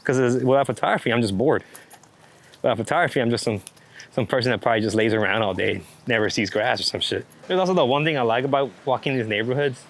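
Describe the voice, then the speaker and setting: Here a fast-talking man with a medium pitch discusses his creative work as a street photographer in an interview. The chat is casual and rambling, laid-back, and full of swearing.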